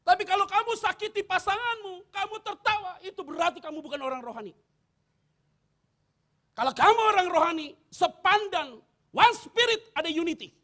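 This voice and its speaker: A man, preaching a sermon. He jokes and swings between loud bursts and hushed asides. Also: very high voice. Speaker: pastor.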